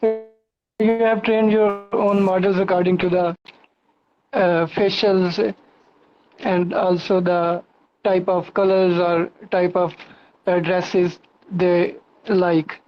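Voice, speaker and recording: A woman's voice: fairly low pitch, level tone, takes it slowly. A woman asking informal questions as an audience member on an online call. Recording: dull online call audio.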